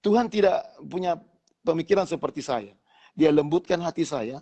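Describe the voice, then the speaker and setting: A man's voice: fairly high pitch, expressive, moderate pace, warm tone, muffled recording. A man with a Manado accent, a pastor telling his testimony in an interview and often addressing listeners as brothers.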